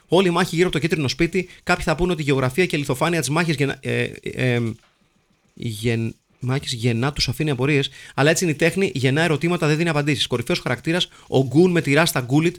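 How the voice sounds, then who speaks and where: A man with a slightly higher voice hosts a live podcast, reading listener comments and joke casting lists aloud. His delivery is wry and mock-solemn, letting the gags land without pushing them. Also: a bit bright. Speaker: podcast host.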